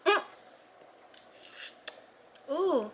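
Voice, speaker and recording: A woman's voice: very high-pitched, sing-song, drawn-out words, fairly bright tone, slight background noise. A woman vlogging in casual chat indoors in a small rental, bubbly and playful, laughing often. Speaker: travel vlogger. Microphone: camera mic, talking to camera.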